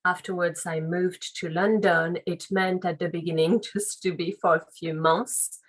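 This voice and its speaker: A woman's voice: on the low side, fairly even intonation, measured pace, poor audio. A woman in her late thirties from France, a native French speaker with a French accent, answering interview questions thoughtfully with loose phrasing and restarts. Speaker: guest, legal and compliance officer.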